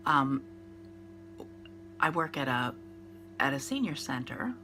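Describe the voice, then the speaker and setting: A rumbling low, bright and forceful voice with big pitch swings takes its time: a beauty vlogger in her fifties, congested and nasal from a cold, chatting casually through her makeup with rambling fillers and restarts. The low-quality recording has a little hiss or hum.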